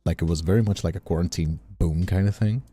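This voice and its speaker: A Brazilian streamer and voice actor chats casually and informally on a livestream, repeating himself for emphasis. His voice is low-pitched, husky and dark in tone, at a quick pace.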